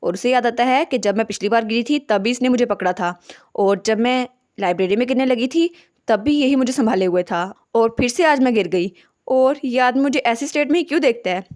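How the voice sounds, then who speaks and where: A woman narrating a comic story in a lively, chatty retelling. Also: fairly high pitch, fairly quick.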